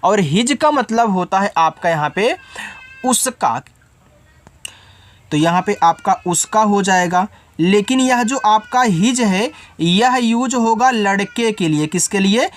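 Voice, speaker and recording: A man's voice: high-pitched, expressive, slow pace. A man teaching English spelling step by step, patiently spelling out letters and asking then answering his own questions.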